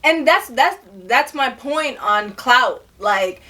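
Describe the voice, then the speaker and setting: A woman's voice: sits high, lively intonation, slow, sharp tone, recorded from a distance. A woman co-hosting a podcast in casual chat, frank and giggly, often laughing between remarks. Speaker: podcast co-host.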